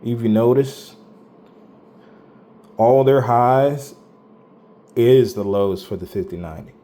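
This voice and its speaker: A man's voice: mid-range voice, slow, mellow, slight background noise. A man casually walking through his own hardware benchmark results, talking in a loose, rambling way with slang and some swearing. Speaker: tech channel host.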